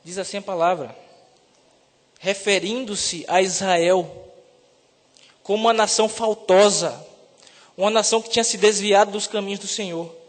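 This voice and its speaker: High-voiced preacher in a reverberant church. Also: male voice. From Salvador, Brazil. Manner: rises to loud emphatic peaks on key words. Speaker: seminarian preacher. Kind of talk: sermon.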